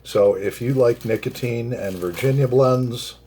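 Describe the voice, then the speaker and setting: A man chatting casually in a solo pipe tobacco vlog, unhurried and halting, drifting into rambling asides. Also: mid-range voice, warm tone, slight background noise.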